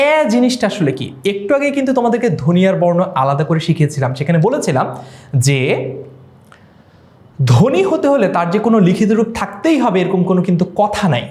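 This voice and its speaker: A man's voice: high voice, darkish tone, echoey room. A young man with a Bangladeshi Bengali accent, teaching an exam-prep lesson and explaining step by step, often repeating key points. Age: young adult.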